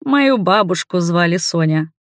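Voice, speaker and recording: A woman's voice: on the low side, lively intonation, a little slow, no room sound, studio quality. A woman voicing a mocking teenage male vampire who talks through a closed door in a capricious, teasing manner.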